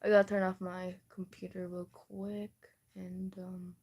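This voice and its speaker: In a lowish, level voice that's a little mellow and slightly rough, a young woman unhurriedly reads her old fan fiction during a casual livestream. She frequently laughs, cuts herself off mid-sentence, and throws in profane, self-deprecating comments.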